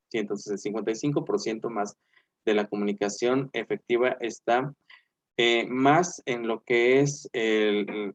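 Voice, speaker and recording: A man's voice: on the low side, highs cut off. Chatty male teacher on a video call. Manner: chatty, fills with "eh" and "este", asks "¿verdad?". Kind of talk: online class lecture.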